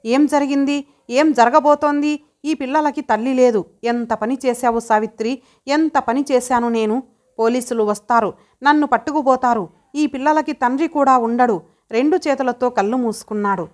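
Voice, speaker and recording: A woman reading an audio story aloud as its narrator, in a measured, dramatic way. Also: on the high side. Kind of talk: scripted narration.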